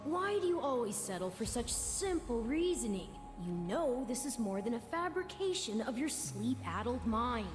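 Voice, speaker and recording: A woman playing a cryptic, youthful spirit guide in a video game, measured and slightly snarky. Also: on the high side, very animated. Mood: chiding. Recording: reverberant game dialogue over music.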